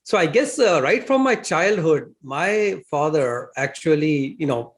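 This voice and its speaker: A man's voice: a little high, animated, measured pace. Older Indian man telling his story. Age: 60s. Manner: reflective, chuckles between phrases, frequent "uh" fillers. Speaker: interview guest. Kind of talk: storytelling interview talk.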